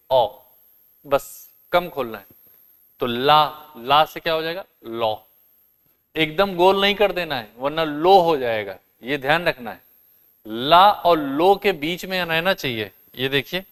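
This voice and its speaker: Calm, slow-talking male teacher. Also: a little high, clear, resonant tone. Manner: explains step by step, asks questions and answers them; sounds out words slowly and carefully. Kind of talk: classroom lesson.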